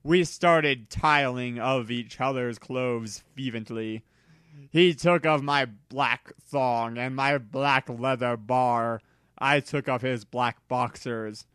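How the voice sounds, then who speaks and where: A man gives a dramatic reading of fan fiction, slow and smooth but with theatrical, exaggerated emphasis. His voice is bright and forceful at an ordinary pitch. The recording is dry, with hardly any room sound.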